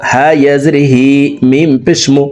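A man's voice: fairly high pitch, steady tone, darkish tone. A man teaching Quran reading with a Bangladeshi Bengali accent. He spells out each letter and vowel sign, then chants the joined words. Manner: rapid plain explanations between drawn-out chanted phrases. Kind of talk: slow spelling-out recitation lesson.

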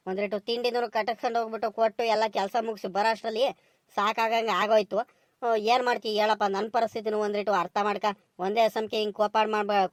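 Cartoon role: defensive male laborer, voiced by a woman, rural Karnataka accent, slightly high, dry. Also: no room sound, close to an everyday voice. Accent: rural southern Karnataka Kannada. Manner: pleading and defensive. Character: weary male coconut-husking laborer making excuses. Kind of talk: village comedy cartoon dialogue.

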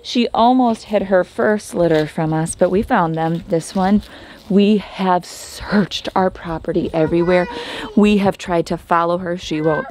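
A woman's voice: on the low side, a little slow, darkish tone, a little hiss or hum. A woman chatting enthusiastically to her viewers while she cooks at home and over an outdoor fire. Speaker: homestead vlogger. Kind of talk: casual cooking vlog chat.

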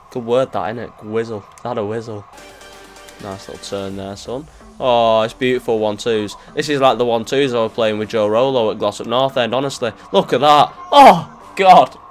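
A young man commentating his football video game in an excitable, jokey way, swearing often and breaking into sudden shouts. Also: mid-range voice. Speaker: gaming youtuber.

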